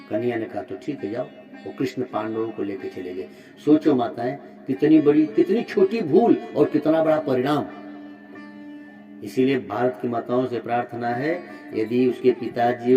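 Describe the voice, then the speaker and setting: A mid-range male voice gives a devotional sermon, recounting a religious story and addressing the mothers listening. He moves dramatically between loud exhortations and soft asides, and the recording comes through a muffled, distant mic with music.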